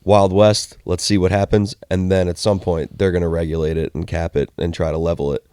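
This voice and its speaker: A man's voice: low voice, level tone, fairly quick, warm tone, clean tone, no room sound, studio quality. A man co-hosting a casual sports podcast, giving blunt, matter-of-fact opinions. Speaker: podcast co-host.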